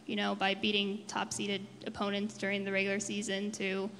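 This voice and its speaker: A woman's voice: mid-range voice, completely flat delivery, a little fast, a bit bright, long reverb tail, slight background noise. A woman reporter asking questions from the floor of a press conference.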